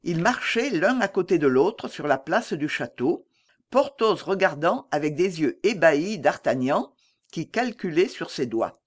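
Slow, animated classic-novel reader. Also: medium pitch. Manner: slow, lively storytelling with voiced dialogue. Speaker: audiobook narrator. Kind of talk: scripted narration of a classic novel.

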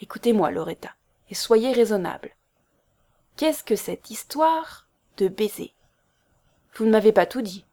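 A woman's voice: mid-range voice, lively intonation, a little slow, pauses often, warm tone. A woman voicing an impatient, agitated young man who presses insistently in a storybook reading. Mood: pressing.

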